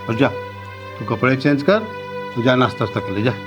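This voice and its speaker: A man's voice: medium pitch, a little fast, lo-fi sound, close to an everyday voice. A middle-aged man playing a worried, protective father who soothes his daughter. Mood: comforting. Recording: music bed under dialogue.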